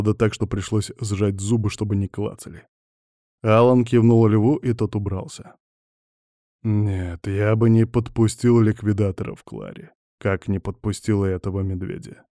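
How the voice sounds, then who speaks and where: A man narrating an audiobook in the first person, with steady, even storytelling. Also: lowish voice, no room sound, clean studio sound.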